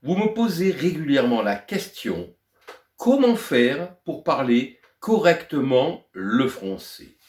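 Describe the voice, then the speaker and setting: An older man teaching French to foreign learners, speaking deliberately and clearly in a lesson. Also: mid-range voice, roomy sound. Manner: deliberate, lively melodic teaching voice. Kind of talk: slow explanatory lesson to learners.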